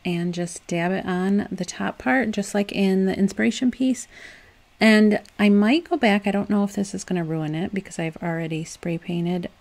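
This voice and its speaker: A young woman talks through a craft tutorial at home in a loose, friendly voice-over. She sounds chatty and upbeat, with a gravelly fry at the ends of her phrases. Her pitch sits in an ordinary middle range. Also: normal speed. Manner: chatty and upbeat, with soft laughs and loose restarts. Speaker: DIY home decor vlogger.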